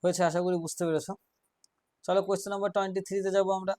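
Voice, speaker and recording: A man teaching an English grammar class, explaining rules step by step, quizzing his students and reading example sentences out slowly. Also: high-pitched, level tone, darkish tone, no echo, clean studio sound.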